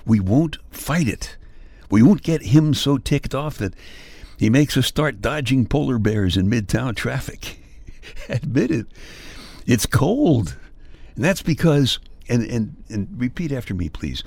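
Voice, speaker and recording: A man's voice: mid-range voice, expressive, unhurried, vocal fry, a little mellow, breathy edge, no echo. An older man hosting a podcast in a playful, folksy monologue with mock-grumbling humor. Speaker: podcast host. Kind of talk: personal humorous storytelling monologue.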